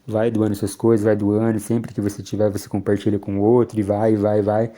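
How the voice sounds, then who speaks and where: A man's voice: fairly low pitch, monotone, a little fast, dark tone. A man, a psychologist giving an explanatory lecture and checking in with frequent tag questions.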